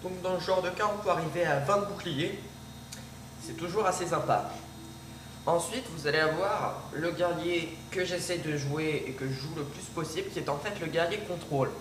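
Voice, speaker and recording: With a cold, a gaming creator hesitantly comments on a card game, restarting often and using many fillers. He speaks at normal speed in a voice on the high side. The distant mic picks up background noise, room echo, and background music.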